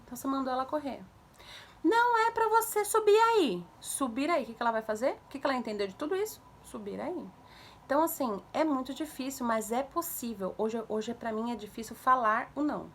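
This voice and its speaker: A young woman casually giving parenting advice to viewers, animated, acting out commands in a raised voice. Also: on the high side, quick pace, husky. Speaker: mother sharing parenting tips.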